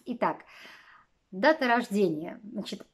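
A woman's voice: medium pitch, animated, unhurried, husky. A woman in her forties from Russia chatting casually to camera in a rambling way, full of fillers and small laughs, in a small wood-panelled room. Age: 40s. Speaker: vlogger.

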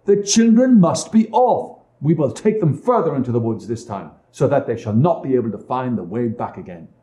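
A man voicing a harsh, scornful stepmother in a fairy-tale reading, pitched high and loud. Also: very animated, normal speed, echoey room, natural voice. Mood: grim. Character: harsh scolding stepmother, woman.

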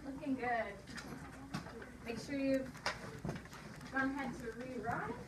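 A woman teacher leading a phonics dictation lesson, modeling each word slowly sound by sound and giving clear, encouraging prompts to the children. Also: high-pitched. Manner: slow, sound-by-sound modeling of words. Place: classroom. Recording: echoey room, distant mic, loud hiss.

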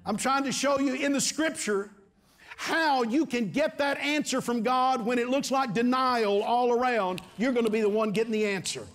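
A man's voice: extremely high pitch, moderate pace, a bit bright. A middle-aged man preaching a sermon to his congregation, repeating his phrases and calling for amens. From Texas. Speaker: pastor. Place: large church stage before a congregation.

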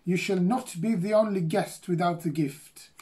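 A man reading aloud as a solemn ancient elf queen, slow and ceremonial. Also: high-pitched, dark tone, natural voice.

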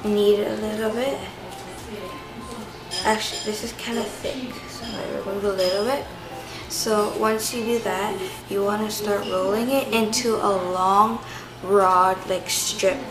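A woman's voice: mid-range voice, steady tone, unhurried, reverberant, over music, poor audio. A woman demonstrating a recipe at her kitchen counter in a casual, chatty way, filling her steps with "like" and "so". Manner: chatty, loose, full of "like" and "so". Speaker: home cooking vlogger. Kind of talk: casual step-by-step cooking demonstration. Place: home kitchen countertop, indoors.

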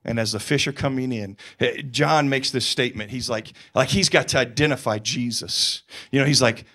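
A male pastor preaching a sermon in an animated, conversational storytelling style, with touches of humor. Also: medium pitch, moderate pace.

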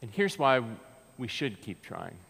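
Preaching in a big church sanctuary, this thirtysomething American pastor speaks in a medium pitch with a sing-song, unhurried delivery that is creaky, a touch bright and slightly rough. His sermon feels earnest and conversational, full of restarts. Sound comes through a pulpit mic captured by a far-off camera, with long reverb filling the church.

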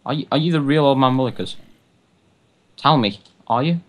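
A man's voice: mid-range voice, moderate pace. A man hosting a gaming video, giving casual commentary and chatting with another player over voice chat. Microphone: voice chat call while gaming.

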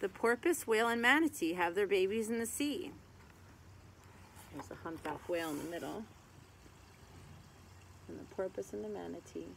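A woman in her thirties, her voice mid-range, gravelly and a bit bright, reads a children's picture book at normal speed, pausing often. Like a teacher she takes it phrase by phrase with short asides, recorded roughly outdoors by a garden tree amid birdsong and a crowing rooster.

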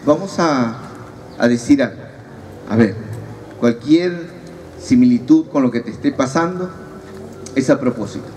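A man's voice: medium pitch, lively intonation, measured pace, long pauses, a little mellow. A man giving a humorous preaching talk at a youth retreat and teasing his audience. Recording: distant mic, audible crowd, noisy.

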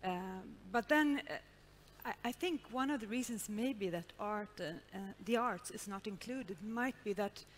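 A middle-aged woman speaks as a panelist on a large stage, reflective and often pausing with "uh". A headset mic picks her up, with faint noise in the space. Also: mid-range voice. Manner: reflective, with frequent hesitations. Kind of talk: panel discussion.

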